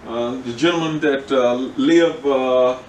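A man's voice: medium pitch, slow, darkish tone, far from the mic, lo-fi sound, slight background noise. An older man preaching a sermon as pastor, in a rambling, conversational way with many repeated words. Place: church. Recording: echoey room, from the mic.

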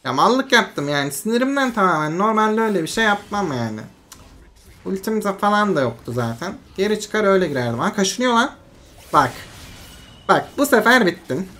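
A game streamer offers casual, excitable live commentary on their own match, lurching between frustration and hype before talking themselves back down to calm. The voice is medium-pitched and brisk.

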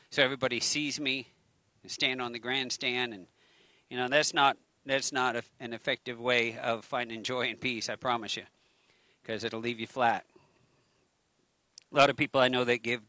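Out on a lawn by the water, a middle-aged pastor at a lectern preaches into a handheld mic. His voice sits mid-range, bright and forceful, and his casual sermon is chatty, full of self-mocking jokes, with no echo.

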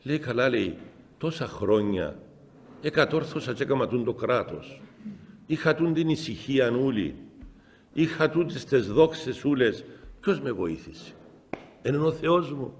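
Cypriot greek bishop guy preaching, middle-aged, storytelling, goes loud then soft, long chapel echo. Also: mid-range voice, a little hiss or hum. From Cyprus. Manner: storytelling, lively swings between loud exclamations and soft asides. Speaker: metropolitan bishop. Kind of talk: spiritual talk answering the faithful.

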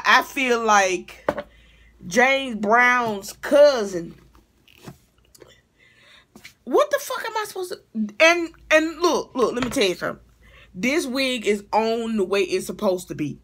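A middle-aged woman with a fairly high, slightly bright voice, a hair stylist who vlogs, launches into a casual comedic rant that's blunt, profane and exasperated in a conversational way. A device mic picks her up in a small room at home.

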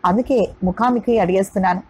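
Woman narrator putting on middle-aged mother, husky, persuasive, brisk, audiobook story. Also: medium pitch, mellow, lightly acted, rough recording. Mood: coaxing. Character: warm middle-aged mother proposing marriage.

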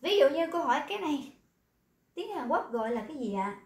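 A woman teaching, patiently explaining, quizzing the class and repeating words slowly. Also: high voice, big pitch swings, a little mellow, reverberant. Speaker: Korean language teacher.

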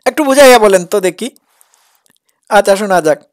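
A woman's voice: mid-range voice, animated, moderate pace. A woman giving reaction commentary in a mocking, sarcastic and challenging way. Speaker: critic reacting to a preacher's clip.

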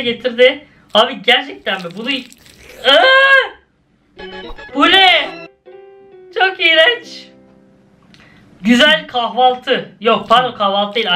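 Young male reactor, very high, sharp voice; excitable, jumpy commentary. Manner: exclaiming, laughing, swings between high and low. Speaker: YouTuber reacting to cartoons.

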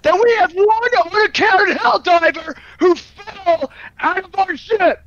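A man's voice: very high voice, takes it slowly, lo-fi sound, pitched above the performer's own voice, full character voice. A man voicing a furious male starship commanding officer who blusters and barks orders at his crew. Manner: shouting, bossy tirade. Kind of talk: improvised game role-play.

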